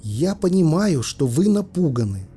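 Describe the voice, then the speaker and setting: Man voicing formal professor, measured lecturing delivery, slightly raised pitch, husky, audiobook. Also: sing-song, dark tone, faint music behind, full character voice. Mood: earnest. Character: nervous middle-aged male professor, formal.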